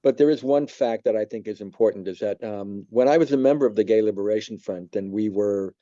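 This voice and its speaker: A man in his seventies from New York, telling a personal faith testimony in a reflective, halting way with many pauses. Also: on the low side, mellow, no room sound, dull audio. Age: 70s. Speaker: church member giving testimony.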